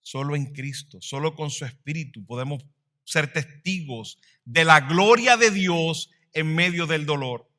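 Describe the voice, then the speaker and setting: Male pastor mid-sermon; bright, pointed delivery, dynamic swells and quiet drops. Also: fairly high pitch, unhurried. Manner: dynamic preaching, swells louder then drops to a hush.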